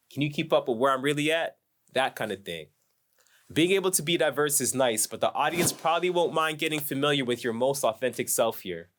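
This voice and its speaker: A man's voice: mid-range voice, a bit bright. A man who is a hip-hop artist, teaching a performance masterclass in a laid-back, slangy way. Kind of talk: instructional masterclass talk.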